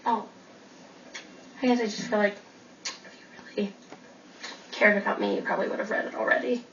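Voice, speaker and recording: Hannah, a rambling young writer. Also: female voice, medium pitch, steady tone, fairly quick, gravelly, fairly bright tone, a little hiss or hum. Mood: probing. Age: young adult. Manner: rambling, hedging with "like" and "kind of". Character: earnest self-absorbed young woman writer. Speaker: aspiring writer girlfriend. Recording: distant, dull TV soundtrack.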